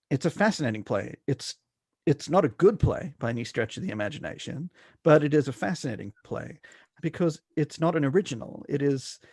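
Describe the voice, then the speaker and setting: In this academic interview, a middle-aged scholar from South Africa speaks with a blended, largely Australian-sounding accent, stumbling through fillers and restarts. The voice is mid-range, a little mellow and slightly rough. The studio recording is clean, with no room sound.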